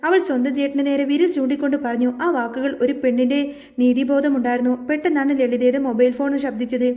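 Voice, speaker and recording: A woman narrating a dramatic serial recap as a brisk storybook retelling, voicing every part herself. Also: high voice, steady tone, warm tone.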